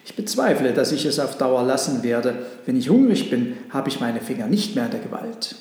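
A man's voice: medium pitch, sing-song, moderate pace, a little mellow, very echoey, in a large hall. A man voicing a young reformed robber in a storybook, earnest and fretful.

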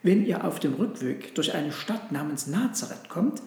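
Humble kind little donkey for a storybook reading, voiced by a man, earnest and eager, high-ish, roomy echo. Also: lively intonation, moderate pace, dark tone.

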